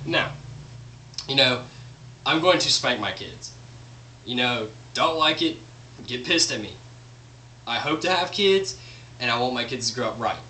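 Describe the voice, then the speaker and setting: A young man rants bluntly and profanely to the camera in a lively, up-and-down voice with a bright edge. The mic sits a few feet away in an echoey room with a faint hum behind it. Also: medium pitch, normal speed, long pauses. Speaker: vlogger. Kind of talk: profane opinion rant. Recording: roomy echo, distant mic, faint hum.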